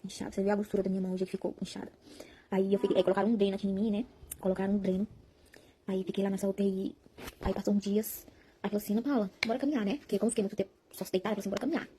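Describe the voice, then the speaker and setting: Speaking very fast in a warm, level, mid-range voice, a young Brazilian vlogger pours out a personal testimony to her viewers. She rambles emotionally, repeats herself, and addresses them directly in a Brazilian Portuguese accent, with a little hiss or hum in the background.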